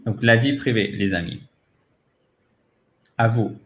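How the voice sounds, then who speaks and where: A man with a French accent, a native French speaker, teaching English pronunciation in a patient way and repeating words slowly for drilling. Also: lowish voice, a bit bright, reverberant, slight background noise. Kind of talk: pronunciation lesson.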